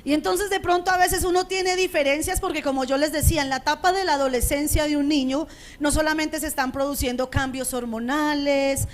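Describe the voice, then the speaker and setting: Lady pastor, middle-aged, strong high voice, chatty sermon style, asks the crowd "right?". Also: fairly even intonation, fairly quick, faint music behind. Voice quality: strong, loud voice. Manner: conversational preaching, frequent rhetorical checks with the congregation. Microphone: radio studio microphone.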